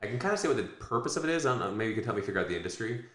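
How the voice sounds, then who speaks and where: A very deep-voiced American man talks quickly on a podcast, looping through fillers and restarts as he works out his points. The sound carries the echo of a live room. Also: very animated, a bit bright. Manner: rambling, self-correcting, many fillers. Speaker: podcast co-host. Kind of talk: casual podcast chat.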